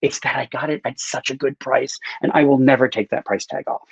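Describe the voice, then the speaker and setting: The voice is medium-pitched and breathy-edged, fairly even in intonation and fairly quick. It belongs to a middle-aged novelist casually telling personal stories as an interview guest on a video call, frequently starting his sentences over. He sits indoors in a home room lined with bookshelves, using earbuds rather than a visible microphone, and the dry webcam audio sounds slightly dull.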